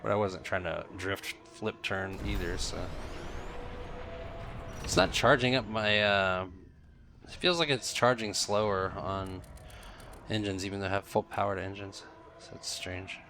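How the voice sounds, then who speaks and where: Man, stuffed up from a cold, casual gameplay commentary, low gravelly voice, noisy recording. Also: unhurried, long pauses. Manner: musing, thinking aloud while flying.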